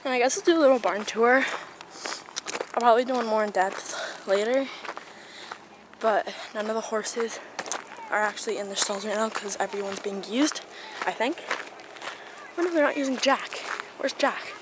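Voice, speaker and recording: A vlogger gives a tour of a horse barn and its grounds, filming on a noisy handheld camera. Her voice is on the high side and moves at a moderate pace with frequent pauses as she chats casually, rambling and letting sentences trail off.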